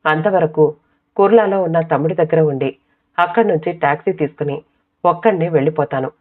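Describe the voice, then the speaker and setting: A woman's voice: low-pitched, a little fast. Woman narrating a story over tinny sound.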